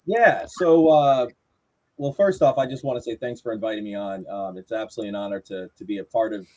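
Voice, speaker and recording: A man in his forties from Southwest Florida, United States, chats casually as a podcast guest, telling long, rambling stories about his life. His voice sits on the low side with a darkish tone, and he talks fairly quickly.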